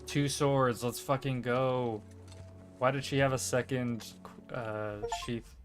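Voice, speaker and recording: Male streamer, casual thinking-aloud commentary, mid pitch, faint game music. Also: fairly even intonation, slow pace.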